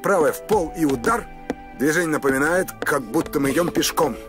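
A man's voice: on the high side, animated, fairly quick, natural voice. An actor in his fifties playing a stern, commanding army captain in a war film. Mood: brisk, commanding. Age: 50s. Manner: commanding, clipped orders. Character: stern Soviet army captain drilling women recruits. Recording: film music under the voice.

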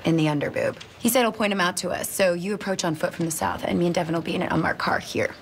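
A woman's voice: on the low side, quick pace, slight background noise, close to an everyday voice. An actress in her thirties playing an earnest, eager, competitive police detective in a TV comedy. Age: 30s.

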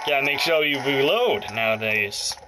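Loud music and game sounds from a handheld console drown out parts of a man's casual Let's Play commentary, and the audio is poor. He speaks expressively in a mid-range voice at a moderate pace, muttering short off-the-cuff reactions to the action.

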